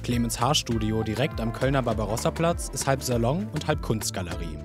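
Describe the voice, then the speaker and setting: A man reading a scripted news report as a voice-over in an even, measured way. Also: medium pitch. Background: music.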